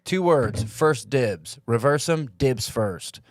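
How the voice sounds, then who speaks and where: A man's voice: medium pitch, animated, slow, dry recording. A man co-hosting a comedy podcast, riffing goofily and laughing often. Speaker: podcast co-host. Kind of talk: casual comedy chat.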